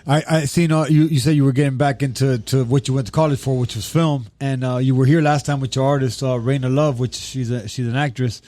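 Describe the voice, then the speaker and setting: Podcast cohost guy, talks quick, stumbles a lot asking stuff, chill chat. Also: medium pitch, steady tone, warm tone, no room sound. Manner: quick, stumbling questions with many restarts. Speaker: podcast co-host. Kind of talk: casual podcast interview.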